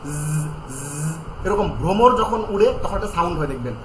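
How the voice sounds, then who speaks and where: A man teaching Quran pronunciation in an online lesson, drilling each letter sound slowly and repeating it, with calm step-by-step instructions on tongue placement. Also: sits high, echoey room, noisy background.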